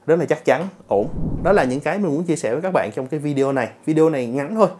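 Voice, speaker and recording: A man's voice: fairly high pitch, expressive, quick pace, darkish tone, slight background noise. A man reviewing a gadget in a chatty, casual way, talking straight to his viewers. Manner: chatty, addresses viewers directly with filler particles. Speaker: tech reviewer.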